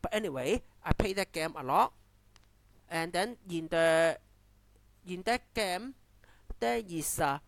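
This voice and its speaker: Halting man with a heavy Cantonese accent. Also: fairly high pitch, vocal fry, a bit bright, dry recording. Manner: halting, repeats and restarts phrases often. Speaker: amateur YouTube commentator. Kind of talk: unscripted spoken commentary.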